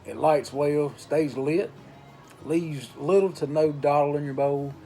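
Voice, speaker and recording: Mellow, unhurried man reviewing casually. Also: fairly high pitch, faint music behind. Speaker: pipe tobacco reviewer. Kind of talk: casual product review talk.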